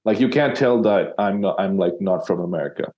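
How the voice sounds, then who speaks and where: A man's voice: low voice, fairly quick, highs cut off. A man from Sri Lanka, a copywriter guest in an interview, talking casually with many fillers and restarts.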